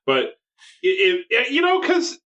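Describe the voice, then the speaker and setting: A man co-hosting a casual gaming podcast, chiming in with quick agreement and lively remarks. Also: very high-pitched, highs cut off. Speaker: podcast co-host.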